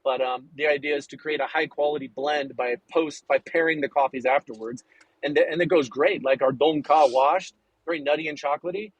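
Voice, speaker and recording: A man talking as a podcast guest, chatty and enthusiastic, rambling with quick restarts. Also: fairly high pitch, fairly even intonation, breathy edge, dry recording, lo-fi sound. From United States. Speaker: coffee importer and roaster guest. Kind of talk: casual podcast interview.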